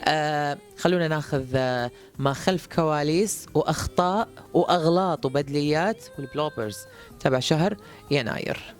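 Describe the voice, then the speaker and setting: A man's voice: a little high, normal speed. Playful Gulf-male host. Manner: playful, teasing. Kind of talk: casual chat.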